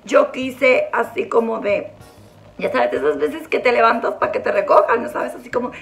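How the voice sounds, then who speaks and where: A hoarse woman, her voice sitting high and breaking into gravelly fry. She talks to the camera in a casual, teasing vlog style, with showy, theatrical greetings. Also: animated, normal speed, soft background music. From Sinaloa, Mexico. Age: 40s. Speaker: vlogger host.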